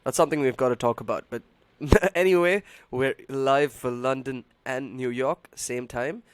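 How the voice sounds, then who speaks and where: A man hosting a trading livestream, talking casually and haltingly to his viewers in a hoarse voice that sounds unwell. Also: mid-range voice, steady tone, no room sound. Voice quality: hoarse, strained voice. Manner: halting, repeats himself, addresses viewers as buddy and man. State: unwell, voice not as usual. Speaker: live trading stream host.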